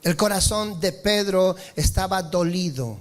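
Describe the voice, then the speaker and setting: Male pastor mid-sermon, high pitch, emphatic, calls for amens. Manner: preaching with rises in pitch and slowed emphatic lines, asking the congregation for amen.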